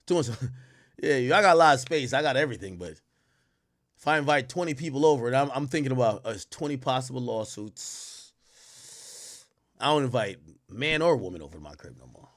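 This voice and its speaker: A streamer in his thirties, born in Jamaica, speaks at normal speed in a medium-pitched voice with lively intonation, pausing often. Headset on in his home streaming room indoors, he chats casually with viewers in a loose, profane, slang-heavy ramble.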